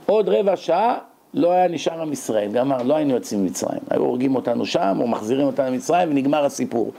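A man's voice: mid-range voice, expressive, gravelly, dark tone. A man giving a Torah lecture, telling stories animatedly and firing rhetorical questions.

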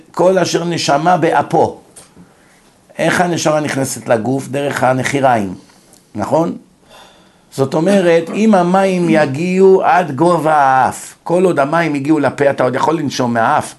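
A man giving a religious lecture, telling stories and acting out the dialogue with lively, questioning delivery. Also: fairly high pitch. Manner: animated storytelling, acting out dialogue. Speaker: rabbi lecturer.

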